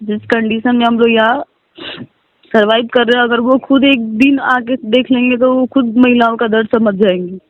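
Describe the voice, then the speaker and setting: A woman teacher calls about a transfer grievance, crying and pleading as she repeats herself in a distressed phone conversation. Her voice sits on the high side with a steady tone and moderate pace, with no room sound, captured as narrow-band phone audio.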